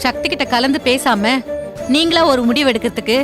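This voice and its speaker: A woman's voice: high voice, brisk, natural voice. An actress playing a blunt, demanding in-law mother who speaks coldly and accusingly in a TV serial. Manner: cold and accusing. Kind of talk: TV serial acting. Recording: TV soundtrack with music underneath.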